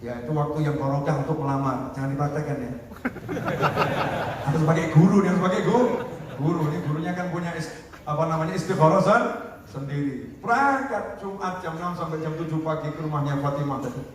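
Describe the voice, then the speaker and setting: A man preaching a lively, joking storytelling sermon. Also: fairly high pitch, a little fast, slight background noise. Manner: lively, joking, acts out voices. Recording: echoey hall from far off.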